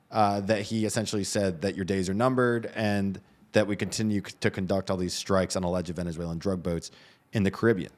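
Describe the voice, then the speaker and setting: A man with a lowish voice co-hosts a news show. He talks through the headlines conversationally, hedging and frequently restarting his phrases.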